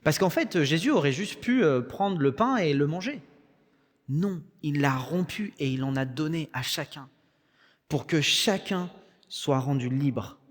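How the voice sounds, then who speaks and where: A man's voice: a little high, lively intonation, a little slow. A young man with a French accent preaching a sermon in a conversational way, with joking asides. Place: church hall. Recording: long church reverb.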